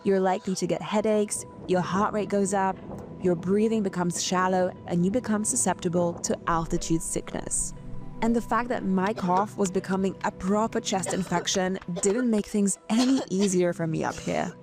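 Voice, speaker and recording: A woman narrates a travel vlog at an easy storytelling pace, her voice mid-pitched. Music runs under the narration. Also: moderate pace. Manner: relaxed storytelling. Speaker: travel vlogger. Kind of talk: voice-over narration.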